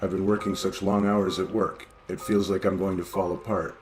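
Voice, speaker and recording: Man reading as a worn-out young woman, teasing, low voice, horror storybook. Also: flat delivery, normal speed, a little hiss or hum, close to an everyday voice.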